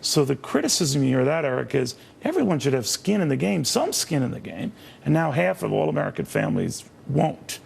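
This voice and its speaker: A middle-aged man hosting a TV news interview, pressing his guest with quick, interrupting questions. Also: medium pitch, very animated, creaky, a little mellow, husky. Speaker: TV news host.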